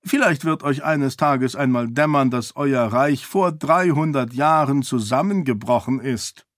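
A man's voice: mid-range voice, unhurried, no echo, studio quality, close to an everyday voice. A man voicing a scornful, impatient middle-aged king who mocks a priest in a sarcastic, raised voice. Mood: mocking.

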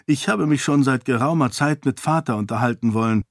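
A man reading an audiobook, voicing a determined young noblewoman who talks in a brisk, insistent way. The recording is dry. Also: mid-range voice, dry recording, lightly acted. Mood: earnest. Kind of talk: audiobook character voice.

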